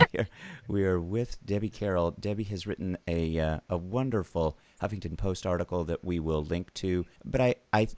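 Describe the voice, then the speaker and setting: A man hosting a podcast interview, relaxed, with small laughs and affirmations. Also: low voice, dry recording. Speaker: podcast host. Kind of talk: casual interview chat.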